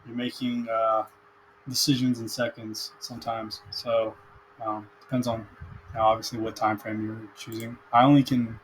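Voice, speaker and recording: A man's voice: lowish voice, little pitch movement, normal speed, slight background noise, low-quality recording. A young man casually talking through his day-trading session, tired and hesitant, with many fillers and restarts, recorded on a webcam. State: mentally tired. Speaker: aspiring day trader vlogger. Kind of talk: casual screen-share commentary.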